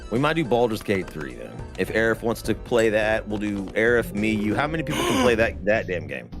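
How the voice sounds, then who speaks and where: A man's voice: lowish voice, sing-song, fairly quick, music in the background. A man hosting a casual gaming stream, rambling and laughing as he chats. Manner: rambling, laughs often, drawling asides. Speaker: stream host.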